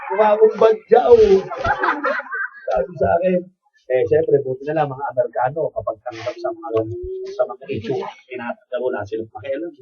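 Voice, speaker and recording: A man's voice: mid-range voice, lively intonation, a little fast. A man with a Filipino accent, a bishop preaching a humorous sermon in a church, switching between Tagalog and English and acting out stories. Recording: distant, muffled, noisy church recording.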